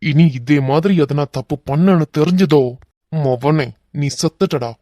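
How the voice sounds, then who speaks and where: Man voicing a fierce young man, Kanyakumari Tamil accent, threatening, mocking, mellow dark tone, dry sound, cartoon. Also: fairly high pitch, measured pace, dry recording, lightly acted. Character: hot-tempered young man, protective and fierce.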